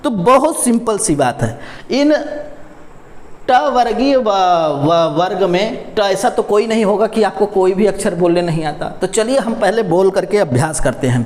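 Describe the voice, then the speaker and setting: A man with a fairly high voice teaches pronunciation patiently, drilling syllables one by one and putting questions to his students. He calls them his dear children. The room around him is echoey. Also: expressive, measured pace, a little mellow. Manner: patient, repeats syllables and asks questions to the class; addresses viewers as "my dear children". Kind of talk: Hindi pronunciation lesson.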